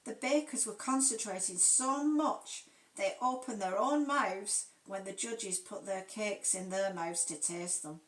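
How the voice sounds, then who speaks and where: A woman author reads her cozy mystery aloud in a steady, even narration. Her voice sounds distant and echoes around the room. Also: mid-range voice. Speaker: author reading her own book. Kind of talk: audiobook narration. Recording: echoey room, mic far off.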